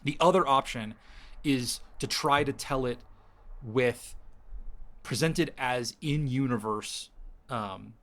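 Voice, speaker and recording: A male podcast host tosses out story ideas to his co-hosts in relaxed conversation, thinking out loud and often starting over. He talks slowly, pausing a lot, and his voice has a somewhat bright quality.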